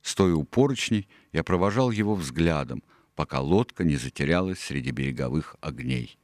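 A man narrating an audiobook in a calm, measured storytelling manner. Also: deep voice, gravelly, dry recording, clean studio sound.

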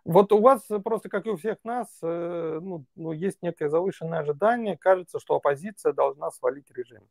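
Man, political consultant, gravelly, slightly high voice, dry close sound. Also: a little fast, a little mellow, dry recording. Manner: talks in long reasoning stretches with fillers. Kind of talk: interview answer.

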